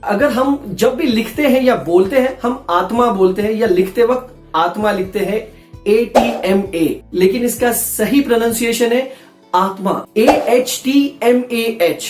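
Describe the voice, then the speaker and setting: A male voice-over artist with a very high voice gives a casual, playful pronunciation lesson at a moderate pace, talking to viewers as friends. The recording has a roomy echo and faint background music.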